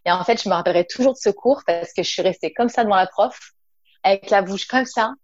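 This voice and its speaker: Talking fast in a mid-range voice, this Nice-based naturopath and entrepreneur gives a casual interview peppered with fillers and hesitations, speaking to the listener informally. Her recording is dry with a dull quality.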